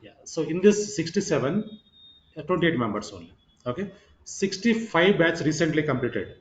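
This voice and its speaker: A man's voice: on the high side, sing-song, normal speed, slight background noise. A man giving an informal online lecture as a course trainer, repeating himself and checking in with "right" and "okay". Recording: roomy echo, slightly muffled sound.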